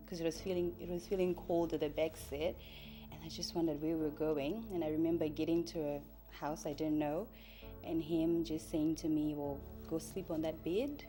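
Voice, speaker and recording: With a deep voice and dark tone, a Zimbabwean-accented woman in her early thirties offers a hesitant, reflective personal testimony. A native Shona speaker and church member, she tells her life story as music plays in the background.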